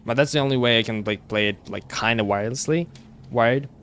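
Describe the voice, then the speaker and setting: A man with a slight British-sounding accent, chatting casually with viewers while streaming a game, talking haltingly with many restarts. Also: mid-range voice, fairly bright tone, slight background noise. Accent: slight British-sounding English, learned at school. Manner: halting, with frequent restarts and fillers. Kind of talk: casual chat while gaming live.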